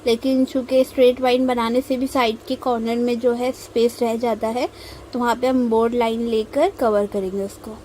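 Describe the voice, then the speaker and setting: A young Indian woman narrates a mehndi tutorial while drawing, explaining each step slowly and patiently with frequent pauses. Her slightly high voice is mellow and warm rather than bright. The recording is low quality, with a faint hiss underneath.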